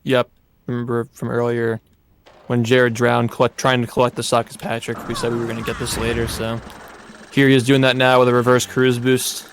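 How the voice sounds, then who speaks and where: A man gives live speedrun commentary in a flat, even tone. He lays out each step matter-of-factly, with a faint hiss in the background. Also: medium pitch, brisk. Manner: steady, matter-of-fact explaining.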